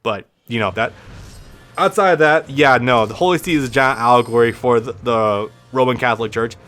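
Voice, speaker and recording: A man's voice: mid-range voice, moderate pace, fairly bright tone, soft background music. Rambling man with a lisp. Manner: rambling, profane, frequent restarts. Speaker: let's play host. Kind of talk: casual gameplay commentary.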